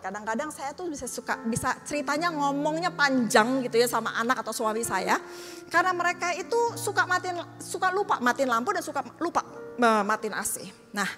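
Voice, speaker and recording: A middle-aged woman pastor preaching a sermon, telling personal stories and acting out the dialogue. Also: fairly high pitch. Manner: lively storyteller, acts out quoted dialogue. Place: church hall. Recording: long church hall reverb, faint music.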